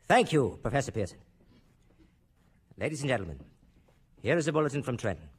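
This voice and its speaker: An actor playing a grave, formal American radio newsman in a 1930s old newsreel manner, with urgent, measured phrasing. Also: mid-range voice, very animated, slightly rough. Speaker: radio news announcer.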